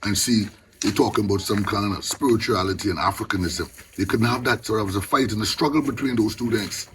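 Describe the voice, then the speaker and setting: A man's voice: on the low side, brisk, noisy background. An older man from the Bahamas with a Caribbean accent, reasoning informally and with passion in Rasta speech with patois phrasing. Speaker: Rastafarian elder.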